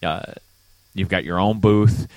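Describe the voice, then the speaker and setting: A man co-hosting a casual podcast, an animated storyteller who acts out other people's voices. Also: low voice, measured pace, dry recording, rough recording. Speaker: podcast co-host and hockey broadcaster. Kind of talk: casual chat.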